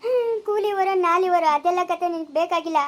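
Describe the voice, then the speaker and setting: A woman's voice: extremely high pitch, fairly quick. A woman voicing a desperate young wife who pleads and wails through tears. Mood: reproachful. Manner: pleading, wailing. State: crying.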